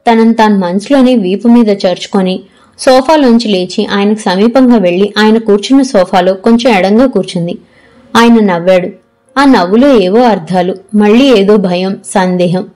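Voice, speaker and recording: A woman's voice: medium pitch, moderate pace, dark tone, rough recording. Woman narrating an audiobook novel.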